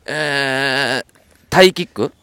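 A man's voice: mid-range voice, slow, vocal fry, clean tone, dry recording. A man with a Kansai accent co-hosting a podcast, telling stories and joking in casual chat on a morning walk outdoors. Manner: animated joking storyteller. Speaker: podcast co-host. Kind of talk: casual chat while walking.

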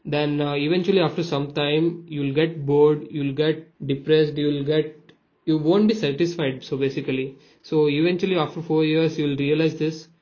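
Young male co-host, Indian accent, fairly high voice, explanatory podcast chat, slightly dull recording. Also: steady tone, moderate pace, darkish tone. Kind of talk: casual podcast discussion.

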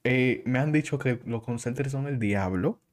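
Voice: mid-range voice, moderate pace. Brief: podcast host, casual, chatty, leads the talk. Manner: chatty, brings up topics. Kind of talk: casual chat.

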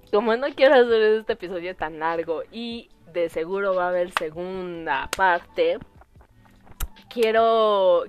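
A young woman with a Mexican Spanish accent, hosting a podcast in a giggly, gushing casual chat. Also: mid-range voice. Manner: gushing and giggly, with frequent laughs. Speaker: podcast host.

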